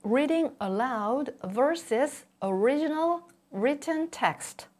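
A middle-aged woman presents a scripted language lesson. Her voice sits fairly high and she speaks very slowly. She enunciates each item deliberately, as a teacher modelling pronunciation for learners. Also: lively intonation, a little mellow. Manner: slow, deliberate enunciation with repeated model words.

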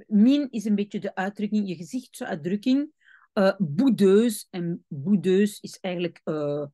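Slow, lively woman teaching French. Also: mid-range voice, no echo, clean studio sound. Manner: slow, patient, with frequent hesitations and self-corrections. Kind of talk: reading a French novel aloud and explaining it in Dutch.

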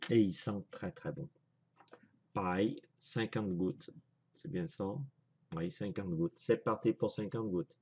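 A man's voice: sits low, takes it slowly, dark tone, slightly rough. A man in a casual home video review, chatty and apologetic, thinking aloud with lots of fillers as he shows products. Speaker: vaping vlogger.

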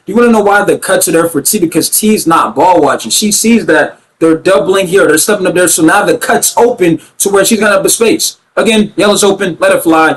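A young man giving emphatic, ranting commentary on his own basketball video game play, repeating himself and getting loud at big plays. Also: high voice, rough recording. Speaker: gaming YouTuber commentating his own gameplay.

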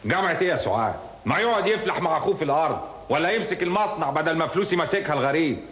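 A stubborn old village father scolding gruffly in an Egyptian accent. His speech is quick and slightly high. The room is roomy with a long reverb tail. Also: animated, fairly bright tone. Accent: Egyptian Arabic. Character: stubborn grumpy widowed rural father.

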